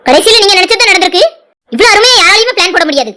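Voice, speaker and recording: A woman's voice: very high-pitched, expressive, racing, sharp tone, heavily acted. A woman voicing an angry pregnant young wife in a cartoon drama, accusing and sarcastic.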